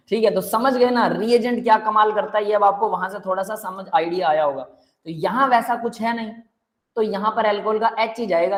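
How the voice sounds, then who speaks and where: A chemistry teacher with a high voice gives a live online lecture, explaining step by step and constantly checking that the class understands. He's relaxed and friendly, calling his students "beta" and "bhai."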